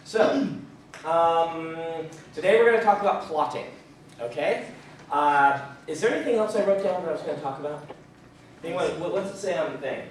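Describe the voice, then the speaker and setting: A man's voice: fairly high pitch, lively intonation, moderate pace, a little hiss or hum. A man in his thirties giving a casual writing lecture at a fan convention, chatty with many ums and restarts, his speech a little muffled by a throat lozenge. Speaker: writing teacher. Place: convention room, in front of an audience. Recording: echoey hall, far from the mic.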